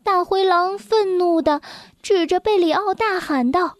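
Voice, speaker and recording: A woman hosting and narrating a children's storybook in a gentle, expressive way. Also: extremely high pitch, measured pace, no echo, clean studio sound. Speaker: storyteller host.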